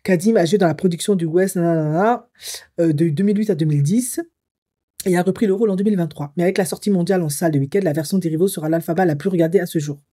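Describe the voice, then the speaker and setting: Low, husky woman. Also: fast talker, dark tone. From Africa. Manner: musing and hesitant, thinking aloud with frequent fillers. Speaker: psycho-emotional coach. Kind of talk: commentary vlog, partly reading an article aloud.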